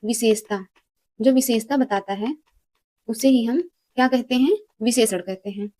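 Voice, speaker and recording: A woman's voice: fairly high pitch, unhurried, dark tone. Woman teacher quizzing and answering herself. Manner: asks questions and answers them herself, repeats key words. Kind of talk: exam-prep lesson.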